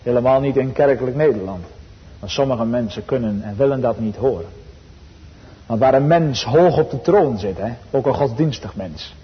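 Man, pastor, earnest sermon, long church reverb, dull lo-fi sound. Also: mid-range voice. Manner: earnest, rising in fervor, slow emphatic quotes.

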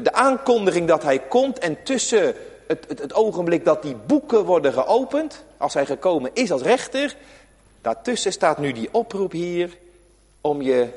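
A man preaches from the pulpit, his voice sitting high for a man and ringing with long reverb through the church hall. He moves from loud, emphatic calls to quiet, confiding asides, drawing out key words for weight. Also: very animated, moderate pace, husky. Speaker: pastor. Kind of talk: sermon.

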